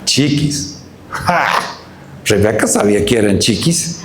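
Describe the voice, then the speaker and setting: A man's voice: medium pitch, big pitch swings, measured pace, darkish tone. A male pastor preaching a sermon, telling a family story with acted-out dialogue. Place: church. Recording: roomy church hall.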